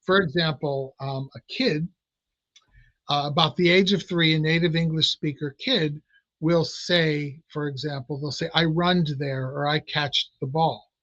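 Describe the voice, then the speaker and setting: During a casual interview, a clinical hypnotist guest from an Italian American family explains hypnosis in a fairly high voice, speaking unhurriedly. He often restarts sentences and uses plenty of fillers. The recording is dry and a bit dull, like remote audio.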